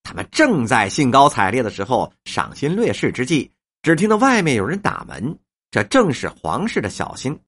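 A woman narrating a novel in a storyteller's lively cadence. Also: extremely low pitch, normal speed, husky.

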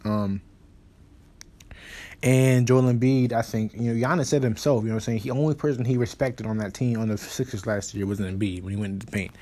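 A man hosting a casual basketball podcast, rambling with lots of fillers and restarts, and quick in delivery. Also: medium pitch, steady tone, warm tone. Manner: talks fast, says so himself. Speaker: podcast host. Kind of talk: casual sports podcast talk.

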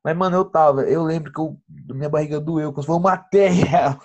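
A man's voice: on the high side, fairly even intonation, a little fast, highs cut off. A young Brazilian man hosting a casual podcast, talking as an eager, slangy fan with lots of fillers.

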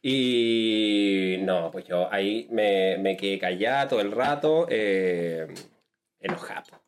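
A man with a Chilean accent telling a crude story among friends in animated, laughing casual chat. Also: lowish voice, takes it slowly, slight background noise. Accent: Chilean Spanish. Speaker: podcast co-host.

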